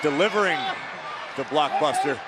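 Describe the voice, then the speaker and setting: A man's voice: a little high, animated, normal speed, a loud crowd, very noisy. A man giving colour commentary as part of a live wrestling broadcast team.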